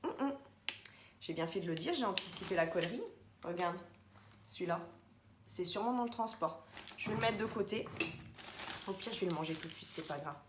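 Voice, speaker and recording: A woman's voice: on the low side, lively intonation, brisk, long pauses. A woman chatting casually through a grocery haul vlog, rambling and addressing viewers directly. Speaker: vlogger. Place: home, indoors. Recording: echoey room, faint background noise.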